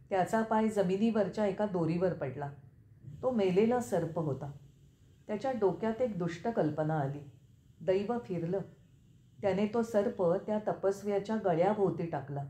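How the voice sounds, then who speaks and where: A woman narrating a scripture story in a steady, measured reading voice. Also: medium pitch. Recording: echoey room with faint ambience.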